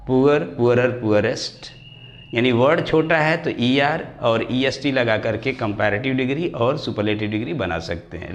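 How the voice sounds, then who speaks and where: A man teaching English grammar, his voice at an ordinary middle pitch for a man. He drags out example words slowly, syllable by syllable, and calls his students dear children. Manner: slows right down and stretches example words to spell them out. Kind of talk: classroom grammar lesson.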